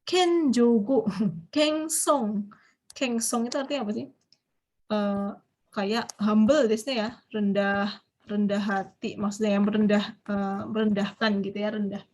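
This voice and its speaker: A young woman lecturing an online language class, chatty and animated, dropping foreign phrases into her explanations and quizzing her students. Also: mid-range voice, moderate pace.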